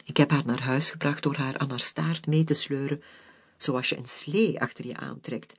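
A storyteller reading a children's story aloud, expressive, with soft whispered passages. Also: mid-range voice, normal speed, slightly rough.

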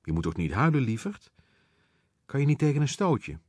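A man's voice: medium pitch, sing-song, normal speed, a little mellow, slightly rough, no echo, pitched above the performer's own voice. A man voicing a flamboyant, mocking drag queen in an audiobook, with a sing-song, teasing delivery. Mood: camp teasing. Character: camp, mocking drag queen on a bar stage. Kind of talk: audiobook character voice.

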